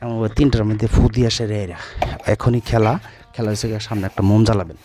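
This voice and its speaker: A man working as a folk healer, giving blunt, scolding instructions in a video and chanting spells slowly at times. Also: fairly low pitch, steady tone, dark tone, soft background music.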